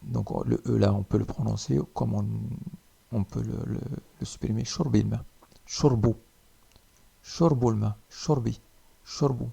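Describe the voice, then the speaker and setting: A man teaching a spoken language lesson, repeating each word slowly with pauses. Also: mid-range voice, steady tone, vocal fry, mellow, breathy edge.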